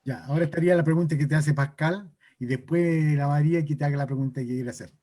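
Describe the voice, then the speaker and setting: A man moderates the conversation, passing along questions from the audience. He talks quickly and plainly, with a somewhat high voice. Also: steady tone, warm tone.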